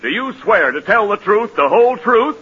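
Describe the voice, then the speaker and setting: An actor playing a male court bailiff who speaks in a slow, sing-song drawl in 1940s radio comedy. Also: high-pitched, expressive, narrow, tinny audio, a little hiss or hum. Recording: old radio broadcast with audience.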